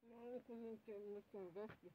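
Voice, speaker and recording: A woman with a Mexican Spanish accent in casual chat, answering softly in short murmured replies, outdoors at night. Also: medium pitch, steady tone, unhurried, muffled recording, a little hiss or hum. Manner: soft, brief replies, often just murmured agreement. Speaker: interviewee. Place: outdoors at night among bags and belongings.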